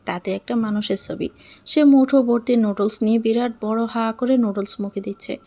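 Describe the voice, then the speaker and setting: A woman narrating a lively first-person story in Bengali. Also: a little high, normal speed.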